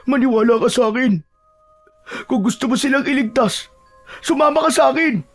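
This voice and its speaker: A man doing a cocky young tribesman, high-voiced. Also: normal speed, a bit bright, faint music behind. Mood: urgent. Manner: bossy and scornful.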